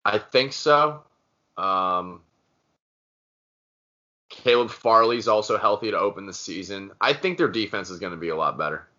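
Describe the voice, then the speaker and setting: A man's voice: fairly low pitch, expressive, normal speed, pauses often, bright, forceful tone. A man co-hosting a casual sports talk show, blunt and opinionated, teasing his co-host. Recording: dull lo-fi sound.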